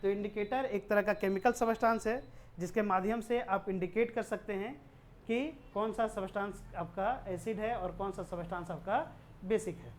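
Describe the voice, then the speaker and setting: A woman teaches a chemistry class in a steady, mid-pitched voice. She keeps posing rhetorical questions and answering them herself, dropping English technical terms into her explanations. A faint noise sits under her voice. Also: moderate pace. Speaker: science teacher. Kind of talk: classroom-style chemistry lesson.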